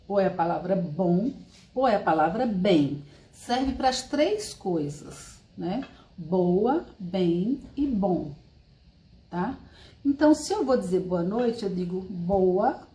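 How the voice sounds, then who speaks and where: A woman's voice: medium pitch, warm tone, reverberant. A woman from Brazil teaching a live-streamed language class, explaining patiently and checking in with tag questions.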